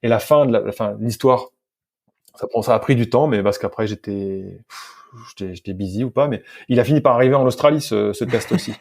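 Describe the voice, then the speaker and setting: A creaky, darkish mid-range voice, a little fast, carries this French podcast guest's casual account of his work as a sports scientist and physical coach. He speaks colloquially, with frequent word repetitions and self-corrections.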